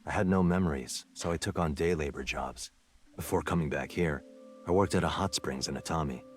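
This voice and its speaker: An actor playing a serious special agent in a game, speaking in an earnest, grave manner. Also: male voice, very deep voice, fairly quick. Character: serious male special agent recounting his investigation. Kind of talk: scripted game acting. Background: music.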